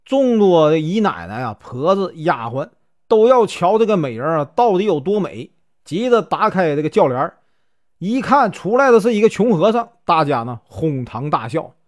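A man with a Northeastern Chinese accent telling a traditional story in a chatty, lively way. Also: high voice, normal speed. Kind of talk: storytelling narration.

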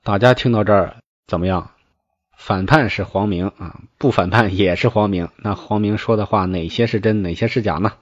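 A man reading a classical novel aloud and explaining it in colloquial speech, with lively, folksy asides. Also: fairly low pitch, normal speed, no echo. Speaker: storyteller. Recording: dull, dry lo-fi recording.

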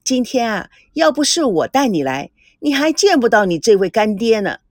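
A woman's voice: fairly high pitch, very animated, moderate pace, no room sound, clean studio sound. A woman voicing a charming, playful young businesswoman.

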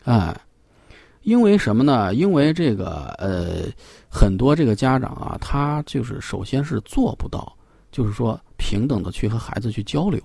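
A man's voice: medium pitch, very animated, moderate pace, vocal fry, a little mellow, slightly rough, no room sound. A man speaking as a parenting expert on a radio talk show, explaining at length with many fillers and repeated phrases.

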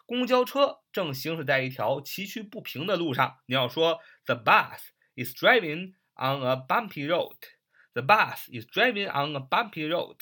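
A man's voice: a little high, sing-song, a little slow, bright, forceful tone. A man teaching English vocabulary in a recorded lesson, repeating each word several times, spelling it letter by letter and using many filler particles.

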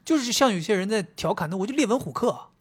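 A man's voice: high-pitched, quick pace, slightly rough. A man co-hosting a casual chat podcast, telling stories with animation and acting out both sides of a conversation. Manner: animated storyteller, acts out dialogue. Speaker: podcast co-host.

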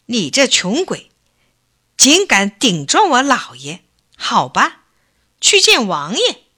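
A woman's voice: a little high, huge pitch swings, takes it slowly, pushed and bright, slightly rough, pitched above the performer's own voice, heavily acted. A woman voicing a rich, bullying man who speaks in an arrogant, scornful way.

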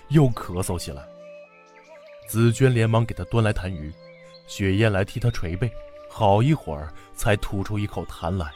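A man narrating a classic novel for children in an expressive, dramatic storytelling manner. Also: on the low side.

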